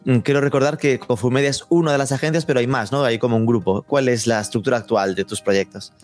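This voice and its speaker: A man's voice: medium pitch, steady tone, fast talker, soft background music. Curious male podcast host. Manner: curious, conversational questioning. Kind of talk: casual interview.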